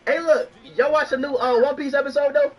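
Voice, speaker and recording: A man livestreaming in a casual chat, brash and excitable, repeating himself as he reacts. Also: very high voice, a little fast, recorded from a distance.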